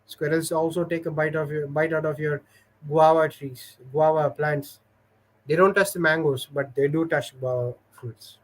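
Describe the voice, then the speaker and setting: A man with a somewhat high, steady voice talks at a normal speed, though the recording is rough. He's a livestream host reading viewer comments and telling stories, his casual chat wandering and hesitant with lots of fillers.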